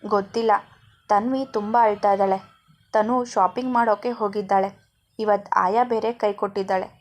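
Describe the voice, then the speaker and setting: A woman voicing a friendly young father who talks quickly and brightly. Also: mid-range voice, steady tone, natural voice. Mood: worried.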